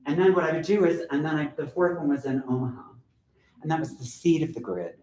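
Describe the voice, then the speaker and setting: A man's voice: on the high side, fast, dark tone. A male-voiced poet giving a candid, chatty talk and reading poetry aloud to an audience in a lecture room. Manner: candid, blunt, chatty with asides. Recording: roomy echo from a lecture hall.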